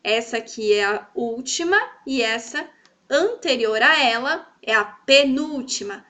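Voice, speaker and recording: A woman teacher with a high, bright voice, explaining to young pupils. She draws example words out slowly and keeps checking that the class follows. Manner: sweet, coaxing, checks in often. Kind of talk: children's grammar lesson.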